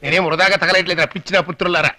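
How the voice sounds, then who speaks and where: A dubbing actor playing a scheming, fawning middle-aged uncle in a dubbed film, talking in a rapid, theatrical, wheedling way. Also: male voice, high-pitched, fairly even intonation, sharp tone, no echo. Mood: scolding. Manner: rapid, wheedling and theatrical, scolding then pleading. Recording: dry studio dub.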